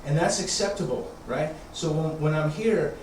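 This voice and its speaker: A man's voice: fairly high pitch, lively intonation, moderate pace, darkish tone. Echoey male tai chi teacher, informally explaining. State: throat congested, often clearing it. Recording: echoey room, distant mic, background noise.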